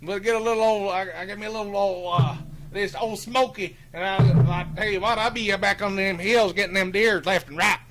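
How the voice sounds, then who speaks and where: A man's voice: high-pitched, fairly even intonation, a little fast, heavy background noise, natural voice. A man playing a boastful, rambling hillbilly who hosts a sports call-in show, with a folksy drawl. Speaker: host. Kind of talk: comic character bit on a live stream.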